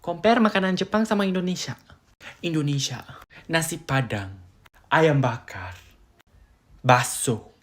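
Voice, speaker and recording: A woman's voice: low voice, expressive, a little slow, long pauses. A woman teaching everyday phrases in short comedic clips, acting each one out with playful exaggeration. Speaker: content creator teaching Japanese phrases.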